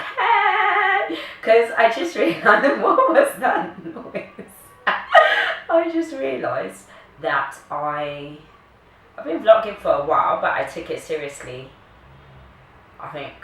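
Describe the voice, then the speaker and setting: A woman's voice: low-pitched, pushed and bright. A woman, chatting casually and playfully to camera as a vlogger. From Kenya, later the UK. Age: early 30s. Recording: echoey room, distant mic, faint noise.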